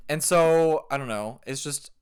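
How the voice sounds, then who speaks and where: A man's voice: a little high, a little slow, clean tone. A young man in his twenties co-hosting a podcast, earnest and reflective, with the odd mocking aside. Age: 20s. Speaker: podcast co-host. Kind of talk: casual chat.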